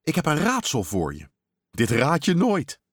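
A man playing a joking storybook father with a playful, teasing voice. The dad lands his punchlines theatrically, his pitch bouncing up and down a lot. Everything is heard close and dry. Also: huge pitch swings, unhurried, no room sound, full character voice. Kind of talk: storybook character voice.

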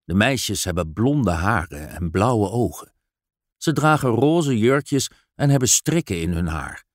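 A man narrating a children's story aloud in a slow, expressive storytelling manner. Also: lowish voice, no room sound, studio quality.

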